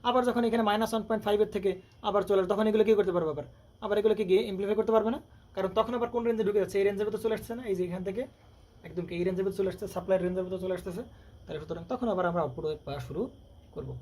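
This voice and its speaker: A man's voice: high voice, fairly even intonation, a little mellow. A man teaching electronics, constantly firing questions at his students. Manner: rapid, keeps quizzing students with rhetorical questions. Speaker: electronics tutor. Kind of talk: classroom lecture with questions. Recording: faint background noise.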